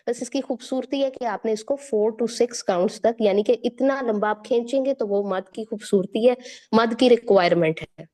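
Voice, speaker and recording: Woman tutor going over recitation rules, warm low-key voice, checks in w students a lot. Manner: patient, slows and stretches words to demonstrate; explains step by step and checks in with listeners. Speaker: Quran recitation teacher. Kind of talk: tajweed lesson, explaining and demonstrating.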